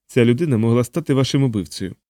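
Audiobook: male reader as a calm, menacing boss type, curt bass orders, dry studio sound. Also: no room sound, natural voice. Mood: cold command. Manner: curt, measured, dull bass. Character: cold commanding man, calm and menacing. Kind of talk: audiobook character voice.

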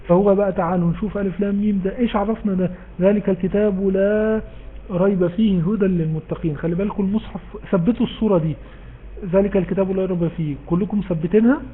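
Egyptian man teaching quick high voice, phone line. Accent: Egyptian Arabic. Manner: explains patiently, asks and answers his own questions. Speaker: Quran recitation teacher. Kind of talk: live online class with students. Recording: tinny phone-like line with faint background noise.

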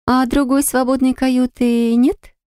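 A woman's voice: high-pitched, level tone, a little slow, warm tone, clear, resonant tone, dry recording, studio quality, pitched above the performer's own voice. A woman voicing a spoilt, indignant young woman in acted audiobook dialogue. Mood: displeased. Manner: indignant, pouty. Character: spoilt, haughty blonde young woman cabin-mate.

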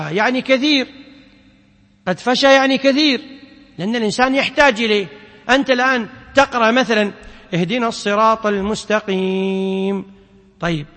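A man's voice: high-pitched, fairly bright tone, long reverb tail. A man, a sheikh, giving a classroom lesson: he chants the verses of a poem, then explains them while putting questions to his students. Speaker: sheikh teaching Quran sciences.

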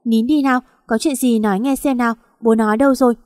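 A woman's voice: on the high side, steady tone, fast, darkish tone, no room sound, clean studio sound, close to an everyday voice. A woman voicing a startled hospital nurse who fusses and coaxes a crying patient. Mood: fussing. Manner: fussing, coaxing.

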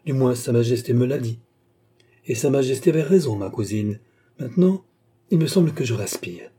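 A man voicing an anxious, agitated king who turns eager and loud in a read-aloud novel. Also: medium pitch, expressive, normal speed, slightly rough. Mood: relieved, jubilant. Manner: eager, exclaiming, raising his voice.

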